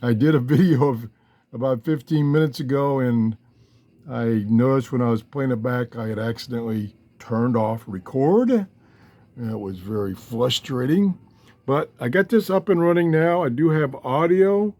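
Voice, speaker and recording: The host of a shortwave radio hobby channel, an older man, speaks at a moderate pace in a mellow, mid-range voice. He rambles casually and folksily, often breaking off mid-thought, while filming on a handheld cell phone in a cluttered room downstairs at home.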